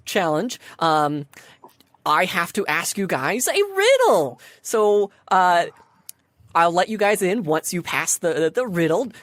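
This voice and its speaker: A woman's voice: fairly low pitch, no room sound. A woman voicing a perky, bubbly female sphinx who helps at a convention. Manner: bubbly, eager to help.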